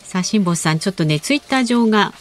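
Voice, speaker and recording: A woman's voice: medium pitch, lively intonation, fairly quick, soft background music. A woman co-hosting a radio show from a studio, playfully correcting and bantering. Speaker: radio co-host announcer.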